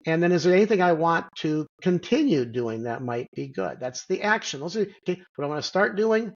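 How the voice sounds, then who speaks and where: A middle-aged man, a physician guest, explaining things in a measured way with many pauses and "and so" fillers over a video call. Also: fairly high pitch, lively intonation, muffled recording. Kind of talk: interview answer.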